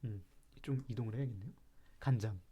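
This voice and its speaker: A man's voice: fairly low pitch, fairly quick, dark tone, a little hiss or hum. A man from Chungcheong, South Korea, hosting a live stream and ranting about food in a playful, mock-serious way while reacting to chat.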